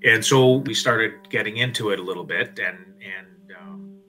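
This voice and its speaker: Bright-toned man casually recounting a phone call. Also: fairly low pitch, normal speed, faint music behind. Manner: animated, acts out quoted lines. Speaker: reporter updating producers. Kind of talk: casual retelling.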